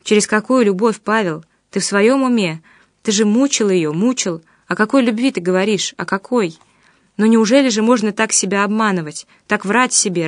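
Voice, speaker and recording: A woman's voice: medium pitch, dry recording, studio quality, lightly acted. A woman reading an indignant young man.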